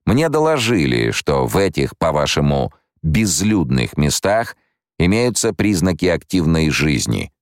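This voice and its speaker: A man voicing a stern, imperious emperor in an audiobook, speaking slowly and with command. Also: very deep voice, sing-song, no room sound, studio quality, pitched above the performer's own voice, full character voice. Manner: measured, commanding, slow. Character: stern imperious male emperor, cold and cutting.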